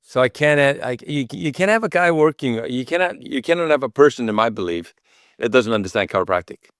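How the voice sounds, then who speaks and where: Speaking a little fast, this man from Iceland, who owns a chiropractic clinic, rambles through interview answers with an Icelandic accent, frequently acting out quoted remarks. His medium-pitched voice is expressive and a bit bright. The audio is studio quality with no echo.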